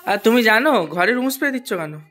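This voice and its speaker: A woman's voice: on the high side, expressive, fairly quick, fairly bright tone. A woman hosting a casual family vlog at a home meal, chatty and teasing as she talks to viewers. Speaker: vlogger host.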